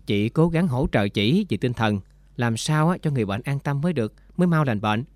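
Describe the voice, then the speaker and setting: A calm, practical doctor speaks in a matter-of-fact, calming way, read by a man. His voice sits at a middle pitch. The recording is dry and close. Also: fairly quick, dry recording, lightly acted.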